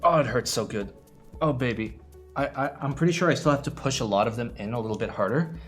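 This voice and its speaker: Quick and a bit bright, the medium-pitched voice belongs to a young American man streaming keyboards for live viewers, with faint background music. He chats loosely, rambling, swearing without restraint, and groaning playfully.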